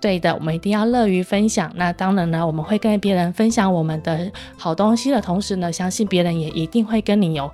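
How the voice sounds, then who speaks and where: A woman's voice: lowish voice, fast talker, hardly any pauses, mellow, soft background music. A woman narrating a children's story in a chatty way, asking the young listeners questions.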